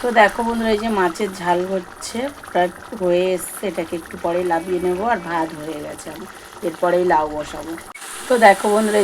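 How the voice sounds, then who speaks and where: Fast, chatty woman vlogging at home. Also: fairly low pitch. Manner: chatty, addresses viewers as friends. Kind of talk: casual daily-life vlog narration. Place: rural home, kitchen and yard. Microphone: phone camera. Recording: loud household noise behind voice.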